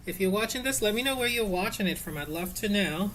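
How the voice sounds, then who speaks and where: A woman's voice: mid-range voice, lively intonation, fast talker, fairly bright tone, slight background noise. A woman casually teaching an easy sewing project at home, chatty and rambling, with many fillers and self-corrections.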